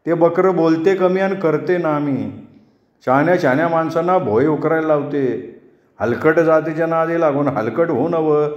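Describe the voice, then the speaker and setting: A man's voice: fairly high pitch, moderate pace, dull audio, pitched above the performer's own voice, natural voice. A man voicing a shrewd, needling older village man who lectures in rustic dialect and proverbs. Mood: chiding. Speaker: village elder giving advice. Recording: roomy echo.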